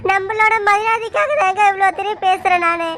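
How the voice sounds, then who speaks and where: A woman doing a hurt young village wife in a cartoon, pouring out long tearful complaints. Her voice is very high and piercingly bright. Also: fairly even intonation, fairly quick, a little hiss or hum. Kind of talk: cartoon voice acting.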